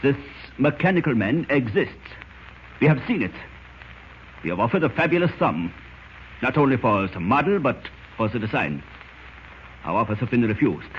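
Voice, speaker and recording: A man plays a cunning, grandiose German spymaster in a 1940s radio serial, using a formal, deliberate German accent. His sing-song pitch swoops from hushed menace to gloating, cold and intent yet close to an everyday voice, on a dull, scratchy, noisy recording.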